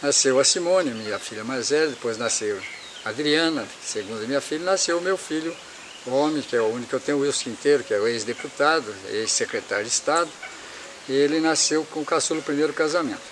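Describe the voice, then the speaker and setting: A man's voice: mid-range voice, fast, noisy background. A man in his seventies from Paraná, Brazil, telling his life story in a rambling way and repeating himself. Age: 70s.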